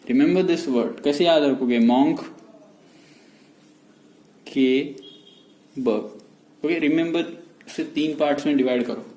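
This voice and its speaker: A man giving a medical lecture in a mix of Hindi and English. He explains slowly and repeats key terms. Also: fairly high pitch, darkish tone. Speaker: medical teacher. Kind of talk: whiteboard lecture. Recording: echoey room with faint noise.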